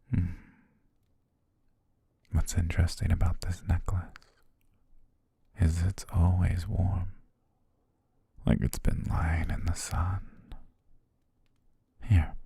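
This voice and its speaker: Speaking intimately close to the microphone with no room sound, a man voices a doting, possessive yandere butler who is both soothing and controlling in a heavily acted ASMR half-whispered monologue. His very deep, breathy, husky delivery is slow and gentle, coaxing hypnotically with pet names.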